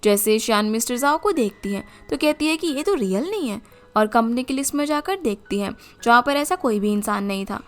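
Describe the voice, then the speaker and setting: A woman's voice: fairly high pitch, a little fast. Woman narrating a drama recap. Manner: steady retelling of plot in the third person. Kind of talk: scripted narration.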